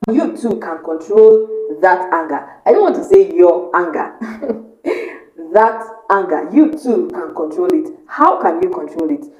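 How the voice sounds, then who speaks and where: Woman host, mellow tone, earnest self-help talk with rhetorical questions, roomy echo. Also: lowish voice, expressive, unhurried, highs cut off. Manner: earnest, asks the viewer rhetorical questions and repeats key points. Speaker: motivational YouTube host. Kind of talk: motivational talk to camera.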